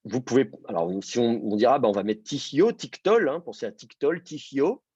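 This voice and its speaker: A man teaching a Hebrew reading class, explaining step by step and often pausing with fillers. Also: mid-range voice, big pitch swings, a little mellow, slightly rough, no echo. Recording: dull lo-fi dry sound.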